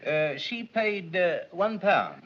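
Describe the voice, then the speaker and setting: Casting: deferential fussy clerk, high voice with animated swoops, halting, 1940s film. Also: male voice, exaggerated voice. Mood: recalling details. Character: helpful, fussy male auction clerk, deferential. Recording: muffled 1940s film soundtrack.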